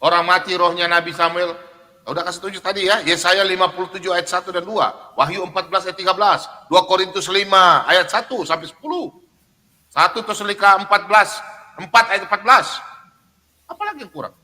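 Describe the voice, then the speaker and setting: Emphatic high-voiced man preaching live. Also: brisk, sharp tone, long reverb tail. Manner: refers to himself in the third person; emphatic, rhetorical questions, recites verses. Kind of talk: unscripted live preaching, reading scripture.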